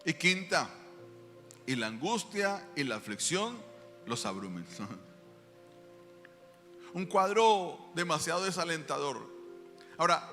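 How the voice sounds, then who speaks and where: A man preaching a sermon as pastor, animated and acting out quotes. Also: on the high side, slow pace, long pauses, long reverb tail, faint music behind. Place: church.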